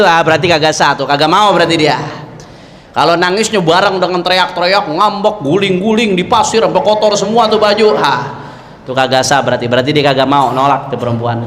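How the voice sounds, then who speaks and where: A man's voice: high voice, brisk, fairly bright tone. A middle-aged man, teaching a religious study class in a joking way and bantering with his audience. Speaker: Islamic teacher. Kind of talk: humorous religious study lecture. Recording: reverberant hall, faint ambient noise.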